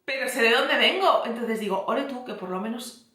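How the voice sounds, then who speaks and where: A woman's voice: a little high, expressive, a little fast, pushed and bright. A woman podcast host giving a candid, confiding motivational talk. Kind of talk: motivational self-help talk. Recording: echoey room.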